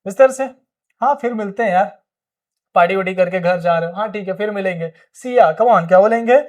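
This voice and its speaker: A man's voice: high-pitched, brisk. A man with an Indian accent teaching spoken English, explaining in Hindi and prompting viewers to repeat phrases. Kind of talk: energetic classroom-style lesson.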